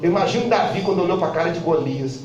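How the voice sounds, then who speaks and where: A man from Brazil giving an impassioned church testimony, telling the story dramatically, acting out the voices of others and breaking into shouts. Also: sits high, expressive, fast, muffled recording, a little hiss or hum. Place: church hall. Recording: very echoey hall, mic far off.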